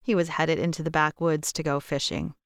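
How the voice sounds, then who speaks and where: Woman audiobook narrator, low and smooth, dry close sound. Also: level tone, fairly quick, dry recording. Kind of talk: scripted narration.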